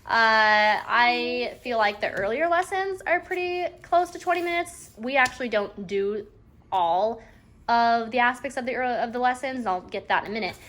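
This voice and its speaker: A homeschooling mother sits at a table at home, casually chatting through a review of a reading curriculum. Her voice is slightly high, expressive and fairly bright at a normal speed, and she rambles, often saying "anyways." Faint background noise and clicks can be heard.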